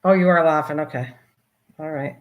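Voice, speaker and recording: A woman's voice: sits low, steady tone, normal speed, lo-fi sound. An older woman hosting a casual craft livestream, rambling and talking to herself and her viewers as she works. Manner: chatty, rambling, talks to herself and her viewers while working. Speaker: livestream host.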